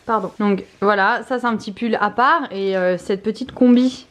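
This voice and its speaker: A woman's voice: medium pitch, moderate pace, slight background noise. A young adult woman chatting casually in a family vlog at home, with lots of fillers and an exasperated tone. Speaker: family vlogger. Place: home, kitchen.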